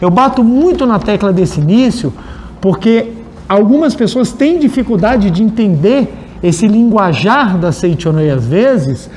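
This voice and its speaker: Animated Brazilian man giving a spiritual talk. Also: high-pitched, measured pace, slight background noise. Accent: Brazilian Portuguese. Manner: animated, storytelling, addresses the audience directly. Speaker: spiritual lecturer. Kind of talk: religious study talk.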